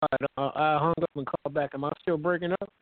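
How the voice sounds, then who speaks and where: Male co-host, fairly high voice, calling in over choppy glitchy phone audio. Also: quick pace, no echo. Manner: loose, profane, animated. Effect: glitchy, breaking-up phone call audio. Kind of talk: casual radio show chat.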